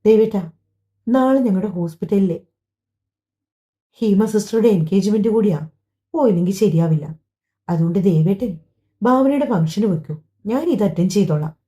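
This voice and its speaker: A woman voicing a young wife who works as a nurse, speaking softly and tenderly in an audiobook drama. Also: mid-range voice, normal speed, pauses often, close to an everyday voice. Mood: explaining. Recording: dull lo-fi recording.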